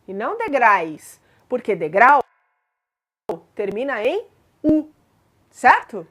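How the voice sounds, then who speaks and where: A woman's voice: fairly high pitch, big pitch swings, takes it slowly, a bit bright. A woman teaching grammar in a patient explanatory lesson, spelling out examples and checking in with listeners.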